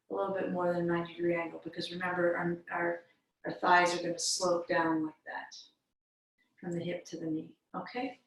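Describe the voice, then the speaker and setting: A woman's voice in a very echoey room, picked up from some distance. She guides a breathing meditation in a flat, even tone. Her instructions are gentle and unhurried, with long pauses between phrases. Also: lowish voice. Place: indoor room, seated before a painted screen. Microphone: far camera microphone.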